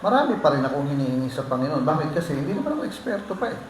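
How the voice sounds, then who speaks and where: A man's voice: a little high, big pitch swings, very fast. A man preaching a sermon as pastor, joking with and teasing the congregation. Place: church hall. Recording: echoey hall with faint noise.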